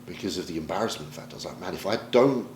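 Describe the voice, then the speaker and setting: Very deep british guy opening up in an interview, swears a lot, bit of room echo and faint hum. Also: lively intonation, very fast, a little mellow. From Britain. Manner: emotional, reflective, swears casually. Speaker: pro bodybuilder guest. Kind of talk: candid sit-down interview. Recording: roomy echo, faint ambience.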